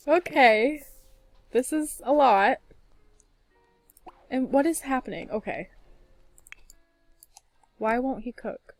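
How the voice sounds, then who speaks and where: A woman giving casual, chatty commentary over her life-simulation gameplay, laughing often and using many fillers. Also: on the high side. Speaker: let's play gamer.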